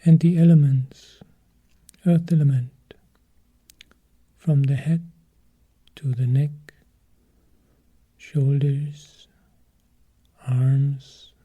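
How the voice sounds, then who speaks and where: Guiding a meditation, a man speaks softly at medium pitch with a breathy, husky quality, giving calm, brief, measured phrases with long silences in between. The audio is narrow and tinny.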